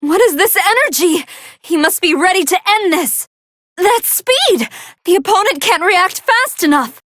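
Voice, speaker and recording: A woman voicing a polite, soft-hearted female android scientist who gives formal, earnest and expressive commentary on fights in a video game. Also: extremely high pitch, measured pace, no echo, clean studio sound, heavily acted. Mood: amazed. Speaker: match commentator.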